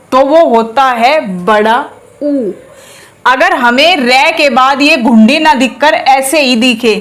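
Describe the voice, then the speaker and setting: A woman teaching a spelling lesson to students, patiently explaining and repeating words slowly to drill their pronunciation. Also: high voice. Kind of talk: classroom lesson on a whiteboard.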